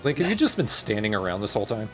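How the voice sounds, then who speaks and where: Low-voiced man casually commentating a game. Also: very animated, racing. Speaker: let's player streaming a game. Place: voice over gameplay with game music behind.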